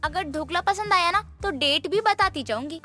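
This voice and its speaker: A woman voicing a blunt, sassy young woman in an animated story, with quick retorts. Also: extremely high pitch, music in the background. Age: young adult.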